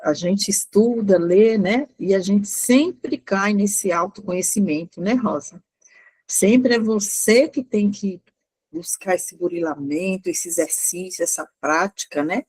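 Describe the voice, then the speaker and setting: A woman's voice: medium pitch, a little slow, darkish tone, husky, rough recording. A chatty woman leading a Gospel study group and passing the word to others. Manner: chatty, admits she talks a lot. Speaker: discussion leader.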